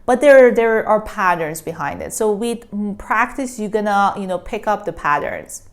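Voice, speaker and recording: A woman teaching a language lesson, a Persian speaker who patiently says each word several times with careful, drawn-out pronunciation. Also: mid-range voice, expressive. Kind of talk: slow spoken language lesson.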